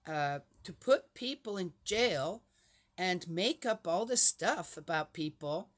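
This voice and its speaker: A woman's voice: on the low side, animated, slow pace. Lady, 60s, rambly chat to viewers, keeps asking "right? yes? no?". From Switzerland. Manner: rambling, fires rhetorical questions at viewers. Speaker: vlogger reading the Bible. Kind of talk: casual chatty monologue.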